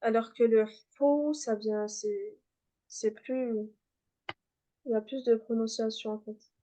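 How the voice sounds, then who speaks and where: A woman's voice: fairly high pitch, flat delivery, unhurried, dark tone. A woman teaching a beginner class, patiently repeating and demonstrating letter sounds. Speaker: Arabic teacher.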